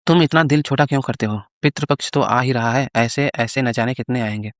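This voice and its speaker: A man's voice: mid-range voice, fairly quick, no room sound, studio quality, close to an everyday voice. A man voicing a scolding village housewife. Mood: soothing. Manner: scolding, rustic village dialect. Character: sharp-tongued village housewife, woman.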